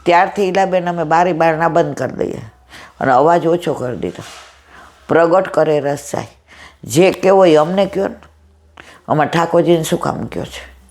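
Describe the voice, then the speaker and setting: A middle-aged woman with a loud, powerful voice, giving a devotional storytelling discourse and acting out the dialogue in her stories. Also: low voice, normal speed, pauses often. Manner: retells stories with quoted dialogue. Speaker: satsang speaker.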